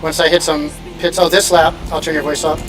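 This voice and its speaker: A man from Indiana chatting quickly and casually while sim racing on stream, laughing often. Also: fairly high pitch, level tone, low-quality recording. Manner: fast-talking, laughs often. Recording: music playing in background.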